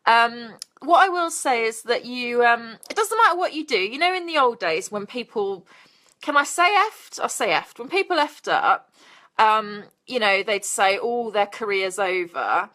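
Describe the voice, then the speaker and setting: Bubbly British woman, high and lively. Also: unhurried. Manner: bubbly, crude jokey asides. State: out of breath. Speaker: live stream host. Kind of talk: casual live stream chat greeting viewers.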